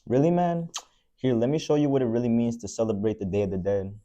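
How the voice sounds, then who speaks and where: Fast dark young male anchor, lo-fi. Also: medium pitch. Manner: laid-back, slangy. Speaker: student news anchor. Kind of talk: casual scripted banter.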